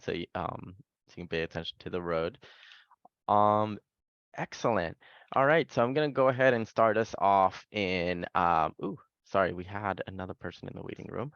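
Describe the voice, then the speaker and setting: A man with a low, gravelly voice moderating a panel over a video call. He talks in a friendly, hesitant way with plenty of fillers. The audio is dry and a little muffled. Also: fairly bright tone, no echo.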